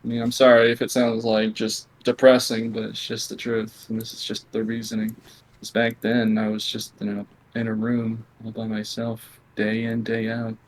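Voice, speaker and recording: Flat-voiced blunt young gamer man. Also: fairly low pitch, slight background noise, poor audio. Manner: blunt, halting, earnest; quiet, near whispering at times. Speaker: interview guest, competitive gamer. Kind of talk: candid conversational interview.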